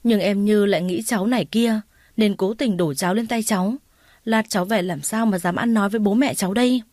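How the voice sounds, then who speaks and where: A sly, jealous young woman from a storybook, sharp and taunting with a false, whiny edge, as a female narrator reads her lines. The voice sits at a medium height and sounds close and dry, with no room around it. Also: mid-range voice, moderate pace, no echo, natural voice. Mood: fake crying. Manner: sharp, taunting, then whiny fake sobbing.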